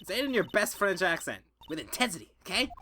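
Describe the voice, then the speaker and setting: Excitable teen girl sidekick, squeaky high man in falsetto, bouncy game-dub energy. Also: fast talker, a little hiss or hum, full character voice. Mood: excited. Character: perky teenage girl sidekick, bubbly and excitable. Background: game music.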